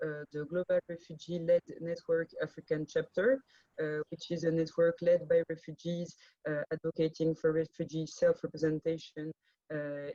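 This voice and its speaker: A woman who leads advocacy for an NGO, speaking on an online panel with a steady delivery and many uh fillers. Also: lowish voice, dry recording. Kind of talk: panel introduction. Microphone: video call. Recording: dry, dull video call audio.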